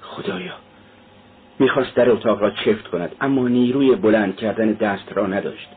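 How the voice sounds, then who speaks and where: Husky low-voiced male audiobook narrator. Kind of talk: scripted narration. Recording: tinny phone-like sound.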